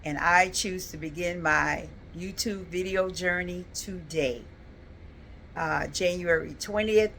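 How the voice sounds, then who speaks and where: Fifties woman vlogging, earnest and reflective, low-ish voice with a forceful edge. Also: a little hiss or hum. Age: 50s. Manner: earnest, reflective, with frequent fillers. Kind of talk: casual personal vlog.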